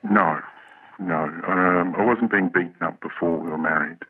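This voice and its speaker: A man with an electronically altered, disguised deep voice, speaking hesitantly as an interviewee on a radio program. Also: steady tone, slightly rough, no echo. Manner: hesitant, halting, many pauses. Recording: narrow, phone-like altered audio.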